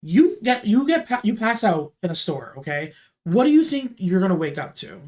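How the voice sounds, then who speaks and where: Animated rambling storyteller, mid-pitched voice. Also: moderate pace. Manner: animated, swings between loud emphatic bursts and low murmurs; rambling with frequent "like" and restarts. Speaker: retail store manager telling a story. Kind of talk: storytime vlog.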